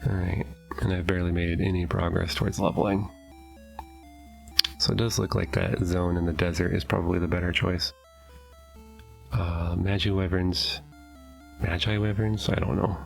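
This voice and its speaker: This let's play host, a middle-aged man with a stuffy nose, sniffles while commenting on his gameplay from his home basement, with faint music behind him. His gravelly, low-pitched voice shows little pitch movement and a moderate pace, and he pauses often, thinking aloud hesitantly and correcting himself.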